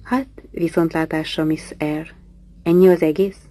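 A woman reading the part of a brusque, teasing wealthy middle-aged English gentleman in an audiobook, gruff and bantering. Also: low voice, steady tone. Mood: wistful.

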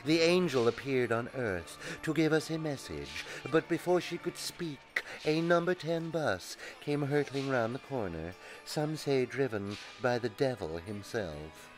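A man's voice: medium pitch, lively intonation, measured pace, few pauses, soft background music, lightly acted, poor audio. A man playing a seedy, scheming freak show barker in a radio comedy sketch, all theatrical patter. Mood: grandiose. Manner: theatrical showman patter, slipping into petulant bickering.

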